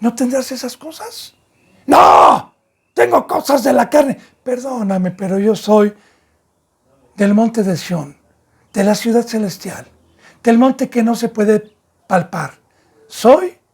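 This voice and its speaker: A Mexican pastor with a high, breathy voice delivers a fervent sermon. He swings between loud and soft and now and then stumbles over his words.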